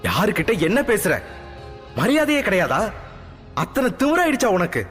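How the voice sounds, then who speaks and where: A strict, sharp-tongued mother from an audio drama, voiced by a male narrator. Her voice sits high and snaps through each rebuke. A long hall reverb and a faint music bed sit behind her. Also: lively intonation, fairly quick. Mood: scolding. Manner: scolding, shrill.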